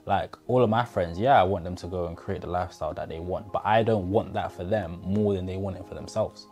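Brisk and low, with a darkish tone and faint music underneath, the speaker is a twenty-something motivational vlogger. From his bedroom, he talks earnestly to the viewer through a lapel mic.

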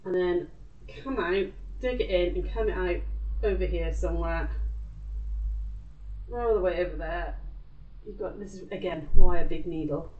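In an echoey indoor craft room, a British woman in her forties, who tutors crafts and hosts live shows, chats casually through a demonstration, muttering to herself at times. She speaks at normal speed in a fairly low voice, pausing often. The sound is lo-fi, from a distant microphone.

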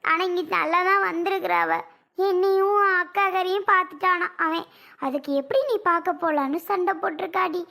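A woman's voice: very high voice, steady tone, fairly quick, vocal fry, sharp tone, heavily acted. A woman voicing an older cartoon mother who lectures, pleads and laments in a scolding way. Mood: lamenting. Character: older mother, lecturing and grieving over her son. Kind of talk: cartoon voice acting.

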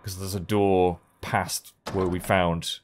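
A man's voice: low voice, level tone, slow pace, slight background noise. A man in his thirties giving casual, jokey, sweary let's play commentary, thinking aloud as he goes. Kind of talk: casual horror game commentary.

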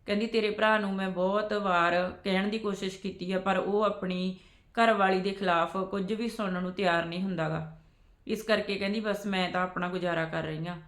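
A woman's voice: mid-range voice, steady tone, brisk, fairly bright tone, roomy sound. A woman telling a family story aloud, with frequent "she says" tags in a chatty way. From Punjab. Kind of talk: spoken storytelling with quoted dialogue.

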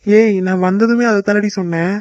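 A man's voice: high-pitched, fairly even intonation, moderate pace, darkish tone, clean tone, dry recording, highs cut off, natural voice. A young man voicing a teasing, devoted boyfriend in a cartoon, coaxing and joking. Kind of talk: cartoon voice acting.

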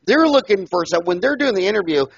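Older man, loud and emphatic, storytelling, higher voice, lo-fi video call audio. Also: animated, fast talker, husky, dry recording. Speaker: dentist and podcast guest. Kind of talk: animated interview talk. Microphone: headset mic on a video call.

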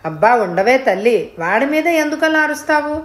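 Lady reading aloud and doing a worried old granny, pitched up, coaxing and fussing, storybook voice. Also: big pitch swings, normal speed. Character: elderly grandmother, gentle and fretful.

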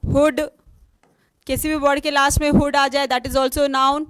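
A woman's voice: high-pitched, flat delivery, unhurried, a bit bright, dry recording. A woman teaching an online exam-prep lesson, spelling words out letter by letter and asking questions she then answers herself. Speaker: English teacher.

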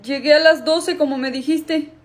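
A woman's voice: sits high, fairly even intonation, normal speed, close to an everyday voice. A woman playing an earnest, indignant teenage boy who pleads and protests in a comedy skit. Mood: defensive. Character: indignant, earnest teenage boy, put-upon younger brother.

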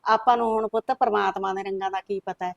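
An older woman playing a worried village mother who pleads gently with her family. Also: medium pitch, steady tone, quick pace, creaky, no room sound, lo-fi sound, close to an everyday voice. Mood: pleading. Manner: soft coaxing pleas, repeated "putt". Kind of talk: rural family drama acting.

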